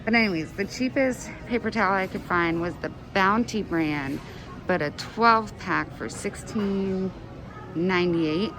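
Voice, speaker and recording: While shopping in a grocery store, a woman vlogs casually, her medium-pitched voice at a measured pace and slightly muffled by a face mask. The store around her is noisy.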